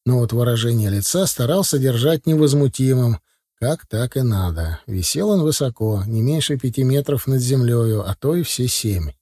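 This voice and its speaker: A man narrating a first-person audiobook in a wry, relaxed storytelling manner, close to the mic. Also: medium pitch, moderate pace, breathy edge, no room sound.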